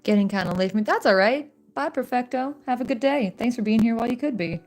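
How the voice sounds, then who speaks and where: A young woman streaming while working on an animatic, chatting casually in a soft-spoken way, with frequent fillers and small laughs. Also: fairly high pitch, lively intonation, fast talker, soft background music. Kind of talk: casual chat.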